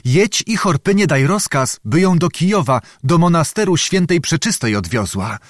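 A man's voice: on the high side, animated, moderate pace, no room sound, studio quality, voice pushed up, close to an everyday voice. A man voicing a shrewd, phlegmatic young male servant who tells his story in a sly, matter-of-fact way. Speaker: storyteller within the tale.

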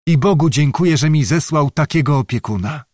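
A man voicing a gentle, polite young noblewoman in a storybook. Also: fairly high pitch, animated, a little fast, dry recording, studio quality. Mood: grateful.

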